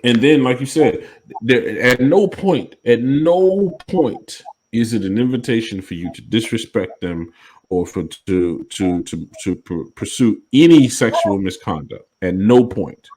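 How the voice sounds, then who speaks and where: A man's voice: medium pitch, lively intonation, a little slow, darkish tone, rough recording. A man co-hosting a podcast, talking in a casual, emphatic way and often checking in with "you know what I mean". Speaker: podcast co-host. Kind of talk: casual discussion.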